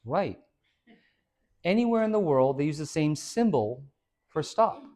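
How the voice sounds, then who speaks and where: A man who is a fitness trainer, giving an informal, energetic talk to a small audience. He quizzes the listeners and tags many points with "right?". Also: a little high, a little slow. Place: hair and skin salon, indoors.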